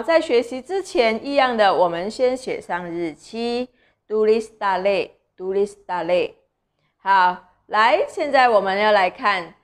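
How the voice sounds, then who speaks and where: A young woman teaches small children to read, sounding out syllables slowly. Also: on the high side. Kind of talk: children's reading lesson.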